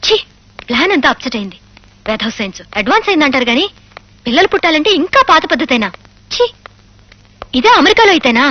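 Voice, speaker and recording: An actress playing an eager young newlywed wife in a comedy film, talking quickly and pleadingly. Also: female voice, high-pitched, big pitch swings. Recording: dull film audio with music.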